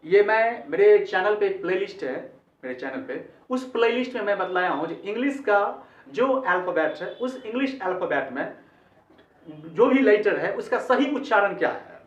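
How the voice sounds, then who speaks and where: Hindi-speaking man teaching pronunciation, high voice. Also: expressive, normal speed. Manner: explains patiently, repeats words and checks understanding. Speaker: English teacher. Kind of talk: spoken pronunciation lesson. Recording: roomy, distant and muffled.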